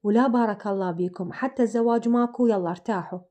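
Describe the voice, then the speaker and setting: A woman storyteller plays a sharp-tongued mother with an Iraqi accent. She scolds her grown sons bluntly and nags them without letup. Her voice stays soft and mellow. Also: on the high side, very fast, natural voice. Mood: scolding. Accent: Iraqi Arabic. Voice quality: blunt, cursing, nagging.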